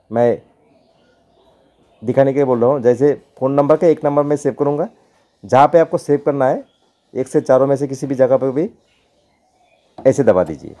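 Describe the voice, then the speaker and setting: Guy doing a slow keyboard tutorial, repeats everything, kinda pleading, mellow dark voice. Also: mid-range voice, muffled recording.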